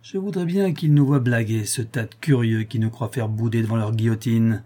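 Un homme lisant à voix haute prête sa voix à un forçat endurci et fanfaron, à la bravade sauvage. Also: male voice, medium pitch, moderate pace, warm tone, lightly acted. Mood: mocking. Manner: swaggering, boastful. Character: boastful hardened male convict, savage bravado.

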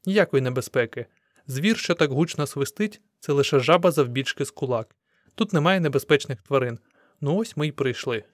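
A man's voice: medium pitch, lively intonation, a little fast, no echo, clean studio sound, close to an everyday voice. A man voicing an old male prospector in a storybook, speaking in a raised, emphatic way. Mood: reassuring. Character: old male prospector, excitable and loud-spoken.

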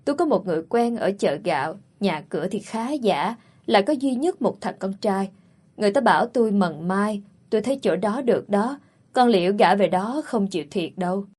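A woman voicing a stern, bossy middle-aged aunt in a storybook reading, scolding and insisting with a husky voice. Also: mid-range voice, lively intonation, moderate pace, a little mellow. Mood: insistent.

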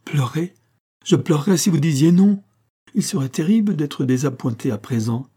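A young sick woman in a storybook reading, eager and pleading in a lifted, higher voice, as a man puts her on. The tone stays dark and a little husky underneath. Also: expressive, moderate pace. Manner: pleading, raised pitch.

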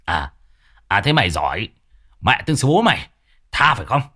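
A man's voice: fairly low pitch, big pitch swings, brisk, sharp tone, heavily acted. A man voicing a hot-tempered middle-aged village father who scolds and curses his son. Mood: furious. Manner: scolding, cursing.

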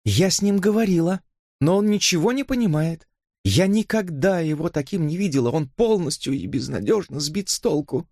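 A man's voice: fairly high pitch, expressive, moderate pace, darkish tone, dry recording, studio quality, voice pushed up. A man voicing an earnest, anxious young woman in an audiobook reading, speaking in a tense, pleading, trembling way.

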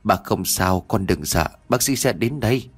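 A man's voice: fairly low pitch, animated, normal speed, slightly rough. A man voicing an injured, grief-stricken young husband in an audio story, distraught and self-blaming.

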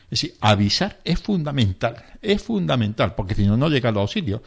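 A man's voice: medium pitch, very animated, brisk, gravelly, slightly rough. Emphatic man explaining first aid steps. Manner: emphatic, repetitive, acts out panicked bystanders in quotes. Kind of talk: explanatory interview talk.

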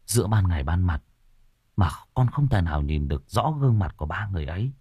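A man's voice: low-pitched, lively intonation, quick pace, slightly rough, dry recording, dull audio. A man voicing a shaken, choked-up young man. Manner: choked, earnest storytelling.

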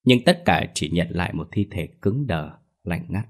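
A man narrating a ghost story in a steady, dramatic storytelling manner. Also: sits low, normal speed.

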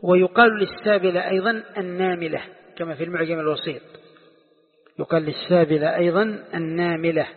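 Sheikh, a man lecturing and firing questions at students, high voice, phone-like sound. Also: steady tone, quick pace. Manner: quizzes the students with rhetorical questions. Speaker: sheikh teaching tafsir. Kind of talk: classroom lesson explaining a classical text. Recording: tinny lo-fi recording with long hall reverb.

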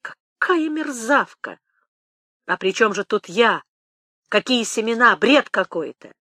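A woman's voice: unhurried, bright, forceful tone, no echo, studio quality. A woman reading as an angry accusing man. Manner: exclaiming sharply, pitch pushed up.

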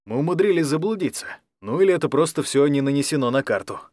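A man voicing a calm, firm male coordinator who reassures and directs clearly. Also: on the high side, quick pace, no room sound, studio quality, lightly acted. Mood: reassuring.

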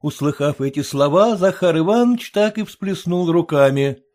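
Mellow-voiced male narrator. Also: on the high side, animated, moderate pace. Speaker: audiobook reader. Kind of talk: scripted narration.

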